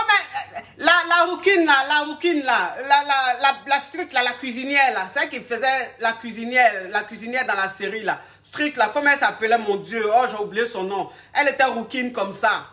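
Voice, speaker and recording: Speaking at a moderate pace in a sharp, higher-pitched voice, this woman is a relationship coach offering advice during a relaxed live session. She talks to her audience in a direct, familiar way and wanders a bit while searching out loud for words.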